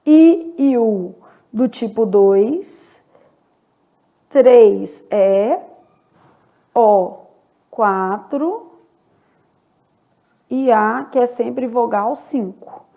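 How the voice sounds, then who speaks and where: A woman's voice: fairly high pitch, drawn-out words, creaky, pauses often, mellow. A woman teaching Portuguese in an online lesson, explaining step by step and often checking in with the viewer. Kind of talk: online exam-prep lesson.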